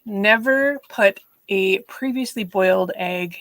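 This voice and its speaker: A middle-aged woman hosts a live writing sprint stream, chatting casually, telling stories and laughing a lot. Her voice is medium in pitch, slow and fairly bright. The audio is poor, with a little hiss or hum.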